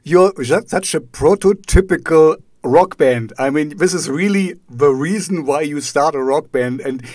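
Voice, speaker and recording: A man's voice: fairly high pitch, unhurried, hardly any pauses, darkish tone, no echo, clean studio sound. A man whose first language is not English, hosting an interview and stumbling over his words. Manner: hesitant, stumbles and repeats words. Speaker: podcast host. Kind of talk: casual interview questions.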